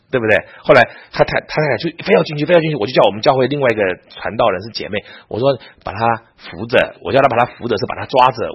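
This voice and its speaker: A man's voice: medium pitch, breathy edge, highs cut off. A man, a pastor, lecturing a Bible class, telling stories and often asking his listeners rhetorical questions.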